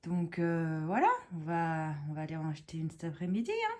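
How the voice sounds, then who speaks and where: A woman's voice: low-pitched, huge pitch swings, a little fast, darkish tone. A young woman from France talking casually to her phone camera while out and about, rambling through stories with casual swearing. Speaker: vlogger. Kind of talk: casual travel vlog. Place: out and about in streets and a station. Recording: noisy background with traffic.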